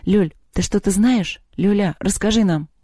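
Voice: medium pitch, normal speed, mellow, breathy edge, dry recording, pitched above the performer's own voice, close to an everyday voice. A tense teenage boy takes charge, as a storybook reader plays him. He presses and commands, and his voice sits a bit above the narration. The sound is dry and close. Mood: pressing.

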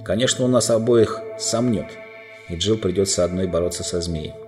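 A man reading aloud and voicing a gloomy, cautious marsh-dwelling creature who talks low and steady. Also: normal speed, music in the background, close to an everyday voice. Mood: grim.

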